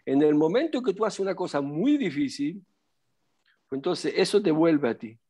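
A middle-aged man gives a religious lesson as a rabbi, his voice sitting a little higher than most men's. He preaches emphatically, pressing his points with rhetorical questions. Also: lively intonation, normal speed, dark tone, husky. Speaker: rabbi teaching.

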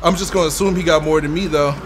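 A young man giving excitable, laugh-filled live commentary on his gameplay as a streamer, swearing often. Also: a little high, rapid-fire, background noise. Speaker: gaming streamer.

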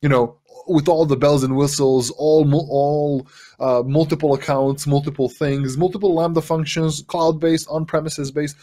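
A man in his thirties from Serbia, giving an energetic online workshop talk on a headset mic from a room at home, full of fillers and rhetorical "right?"s. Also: a little high, normal speed. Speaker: developer advocate giving a workshop.

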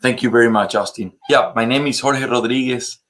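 A man from Ecuador, a native Spanish speaker with an Ecuadorian Spanish accent, speaking as a pastor and guest in an interview, with halting phrasing and frequent fillers. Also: medium pitch, steady tone, a bit bright, a little hiss or hum. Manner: halting, many pauses and fillers. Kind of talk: interview conversation.

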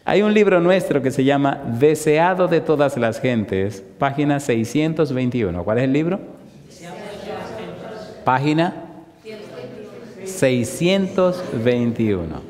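Preacher guy, keeps asking the crowd yes or no, goes loud then real slow and quiet, long echo from the hall. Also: mid-range voice, animated. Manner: asks the crowd rhetorical questions over and over; swings from loud bursts to slow, hushed emphasis. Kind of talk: sermon.

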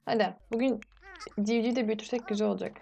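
Young woman playing a sims game, higher voice with lots of fry, keeps scolding the little ones, bit of hiss. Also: fairly even intonation, racing. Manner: chatty, scolding the game characters. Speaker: gameplay commentator. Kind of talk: casual let's-play commentary.

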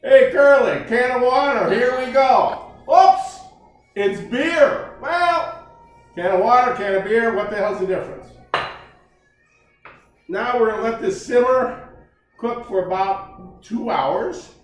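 This older host's voice is very high-pitched, slow-paced and lively in intonation as he chats and jokes while cooking in a large kitchen. It's a casual home cooking show in a folksy style, captured by a far-off camera mic, leaving his off-mic voice echoing around the kitchen.

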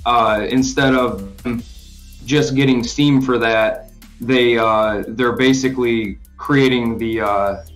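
A man's voice: medium pitch, steady tone, takes it slowly, soft background music. A man co-hosting a podcast, explaining things in a rambling casual way with lots of fillers and restarts. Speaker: podcast co-host explaining crypto. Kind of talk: casual chat.

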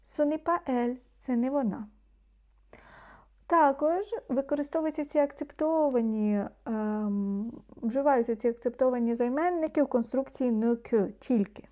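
Mellow-voiced woman teaching French. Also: sits high. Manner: explains slowly, repeating French words, often dropping to a soft murmur. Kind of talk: language lesson.

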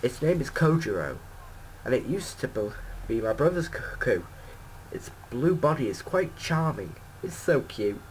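A man's voice: mid-range voice, big pitch swings, a little slow, a little hiss or hum, poor audio. A man reading as a chatty cuckoo-breeding village woman. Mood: pleased. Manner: reads game text aloud in a lightly put-on voice. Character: fussy young woman who breeds cuckoos.

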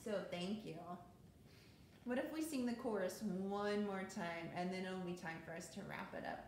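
A woman music therapist leading a sung lesson for children, cheerful and gentle as she sings and talks to the kids. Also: mid-range voice, moderate pace, a little hiss or hum. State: voice tiring from singing. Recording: very echoey room with guitar.

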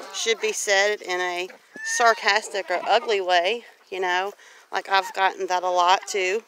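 A woman from Louisiana in the United States rambles casually and reflectively, plain-spoken like a homestead vlogger walking and talking across a grassy farmyard. Her medium-pitched voice is bright and forceful, and the low-quality recording picks up outdoor noise and farm animals.

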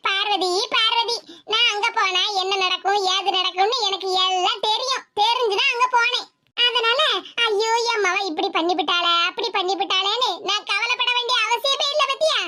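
A woman voicing a sharp-tongued, stubborn old village mother in a cartoon, with a Tirunelveli accent and a mocking, scolding manner. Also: very high voice, normal speed. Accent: Tirunelveli Tamil. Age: older. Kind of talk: cartoon voice acting.

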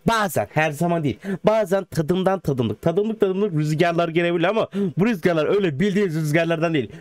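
A man casually commenting on a car crash game in playful, slangy banter, often shouting at the cars. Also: fairly high pitch, fast, no room sound. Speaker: gaming channel host.

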